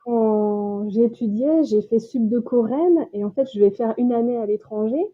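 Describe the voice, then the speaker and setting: A French woman in her late thirties chats as a podcast guest over a tinny, phone-like line. Her voice sits fairly high and sounds a little husky. She talks loosely, with plenty of fillers and restarts. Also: a little slow. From France. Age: 30s. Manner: chatty, many fillers and restarts, laughs easily. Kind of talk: casual interview chat.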